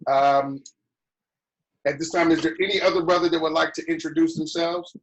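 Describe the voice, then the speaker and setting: A man's voice: fairly high pitch, normal speed, rough recording. Laid-back man hosting an online meeting. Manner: relaxed, repeats "copy that" radio-style. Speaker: online lodge meeting host. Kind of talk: casual meeting chat.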